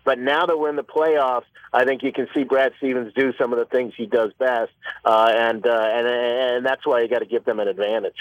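A man's voice: mid-range voice, steady tone, no room sound. Man talking over a dull phone line. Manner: halting, many fillers and restarts. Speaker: basketball writer, radio guest. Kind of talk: sports radio phone-in analysis. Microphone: telephone.

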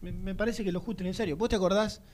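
A man's voice: high voice, fairly even intonation, very fast, darkish tone, a little hiss or hum. A man with an Argentine accent, co-hosting a sports talk show in a rambling, chatty way. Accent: Argentine Spanish. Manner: rambling, chatty, often trails off. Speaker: radio sports host. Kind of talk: casual chat.

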